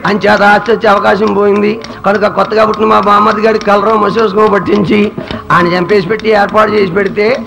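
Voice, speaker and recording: Man, Coastal Andhra Telugu accent, satirical harikatha, theatrical, fry in the voice. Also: high-pitched, little pitch movement, brisk, music in the background, poor audio. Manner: humorous, theatrical, slips into characters and song. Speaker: harikatha performer. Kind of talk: satirical harikatha storytelling with sung verses.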